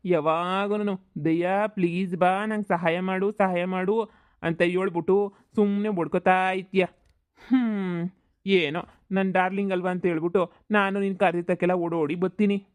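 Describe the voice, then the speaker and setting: A man's voice: sits high, steady tone, normal speed, clear, resonant tone, lightly acted. A man voicing a laid-back, teasing male ghost in a cartoon, who calls his friend darling.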